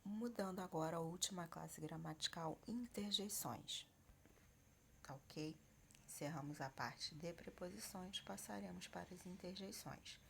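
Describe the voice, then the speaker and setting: A woman's voice: on the low side, unhurried, gravelly, fairly bright tone, a little hiss or hum. A woman teacher explaining grammar in a patient, explanatory way, often checking in with her students. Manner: explanatory, frequent check-ins. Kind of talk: grammar lesson.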